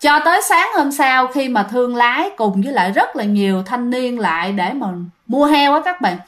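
A woman's voice: fairly high pitch, animated, moderate pace. A woman narrating a ghost story in a chatty way, speaking directly to her listeners.

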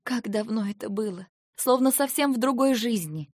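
A woman narrating a first-person audiobook in a steady, expressive storytelling manner. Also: fairly high pitch, normal speed, dry recording, clean studio sound.

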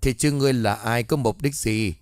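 A man's voice: medium pitch, moderate pace, no room sound, studio quality, natural voice. A man doing a stern old exorcist woman. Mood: commanding. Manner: stern, commanding.

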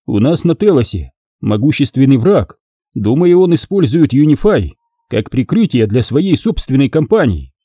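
A calm older Jedi master as a male narrator plays him, firm and measured, in a very dark, husky voice. The storybook reading is close and dry. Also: medium pitch, no room sound.

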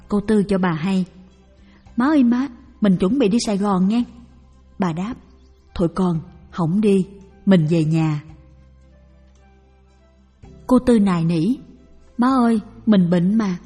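Calm woman narrating over soft music. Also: medium pitch, slightly rough. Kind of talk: scripted narration of a Buddhist testimony. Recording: reverberant room with faint background music.

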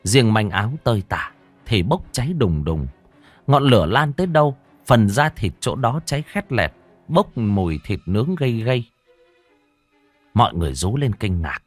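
A man narrates a horror story with dramatic delivery. His low voice swings widely in pitch. The recording is dry and close. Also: moderate pace, dry recording, faint music behind. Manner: dramatic, expressive reading.

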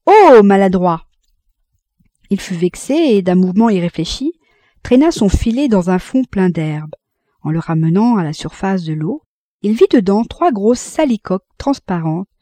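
A woman reading a classic novel aloud in an expressive, measured audiobook narration. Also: fairly low pitch, dry recording. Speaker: audiobook reader.

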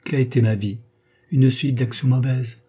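A man's voice: mid-range voice, fairly even intonation, normal speed, warm tone, breathy edge, voice pushed up, natural voice. A man voicing a fervent pleading young woman. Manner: fervent, imploring. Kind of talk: audiobook dialogue reading.

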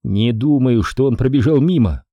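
A man reading an audiobook, voicing a calm, evasive young man who speaks slowly and hesitantly. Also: mid-range voice, dry recording, dull audio, close to an everyday voice. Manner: slow, hesitant.

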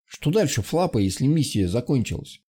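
A man's voice: mid-range voice, sing-song, a little fast, mellow, slightly rough. A man voicing an anxious, questioning young hero in an audiobook, raising his voice with urgency. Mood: worried.

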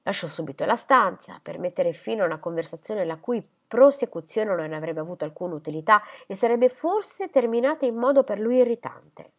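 A woman reading a novel aloud in a measured, expressive narration. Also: medium pitch. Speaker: audiobook reader.

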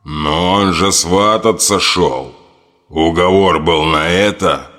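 A man voicing a sinister evil swamp spirit speaking from a mirror, with a slow, commanding, urging manner and a long echo. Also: deep voice, a bit bright, pitched below the performer's own voice. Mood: sly. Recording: long hall reverb, distant.

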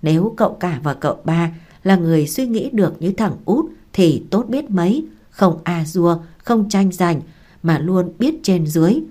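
A woman narrating an audiobook in a steady storytelling manner. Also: lowish voice, normal speed.

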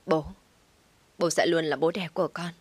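A man's voice: on the high side, level tone, moderate pace, breathy edge, no echo. A woman voicing a grieving adult son who speaks in a choked, earnest way.

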